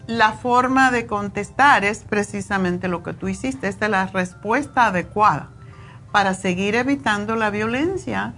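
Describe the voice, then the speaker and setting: A woman's voice: medium pitch, moderate pace, a bit bright, faint music behind. A woman hosting a health radio show, agreeing readily and adding her own remarks. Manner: agreeable, affirming interjections. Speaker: radio host.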